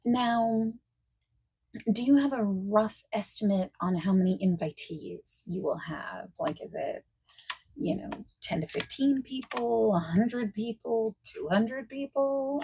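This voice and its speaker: A woman portrays a friendly, obliging party planner for ASMR in a fairly high, pushed-up voice, softspoken and drifting into near-whispers. Friendly and chatty, she reassures casually and pauses for responses that go unheard. The low-quality recording has faint noise along with keyboard typing and clicking.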